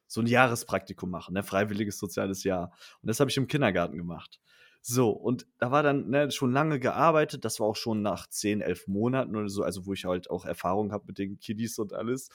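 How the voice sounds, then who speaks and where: Young man, lively storyteller, dry close sound. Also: on the low side, no echo. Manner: slangy, animated storytelling with acted quotes. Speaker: storyteller in a chat. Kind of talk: casual chat.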